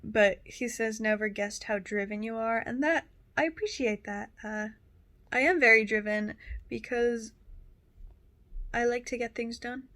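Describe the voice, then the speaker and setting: A young woman vlogging to camera in a relaxed, tired, mellow way. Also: a little high, unhurried. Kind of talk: casual vlog talk to camera.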